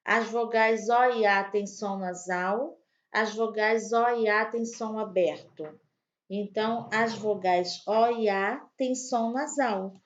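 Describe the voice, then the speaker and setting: Woman, primary teacher, slow careful delivery, slightly high voice, dull lo-fi audio. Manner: slow, patient, spells out words for young pupils. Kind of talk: online grammar lesson for children.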